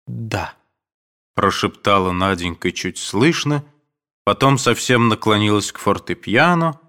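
Low-voiced male audiobook narrator. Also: a bit bright. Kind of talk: audiobook reading of classic prose.

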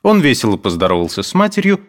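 A man reads classic prose aloud with a measured pace and a lively, rising and falling pitch. His reading is expressive and steady, in the manner of an audiobook. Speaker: narrator.

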